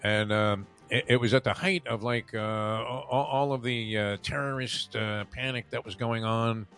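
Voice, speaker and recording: A man's voice: mid-range voice, fairly even intonation, measured pace, fairly bright tone, faint music behind. An older man hosting a radio show, chatting casually and telling long stories full of fillers and restarts. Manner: rambling storyteller, many fillers and restarts.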